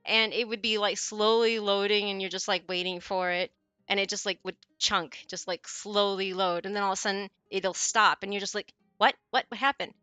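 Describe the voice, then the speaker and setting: A woman's voice: mid-range voice, fairly even intonation, normal speed, pushed and bright, clean tone, dry recording, soft background music. A woman in her forties, chatting casually with viewers on her stream, rambling and often correcting herself mid-sentence. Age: 40s.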